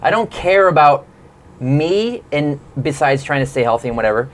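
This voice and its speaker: A man's voice: on the high side, animated, moderate pace, a little hiss or hum. A man in his thirties, rambling and reflective in a casual podcast chat, often breaking off and restarting his sentences. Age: 30s. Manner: rambling, self-interrupting, reflective. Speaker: band member.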